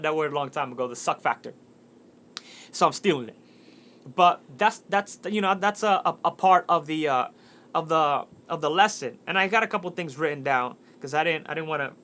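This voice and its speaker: A man in his twenties with a slightly bright, higher-pitched voice speaks as a motivational speaker. He tells a story about motivation in a casual, earnest way, often restarting as he goes.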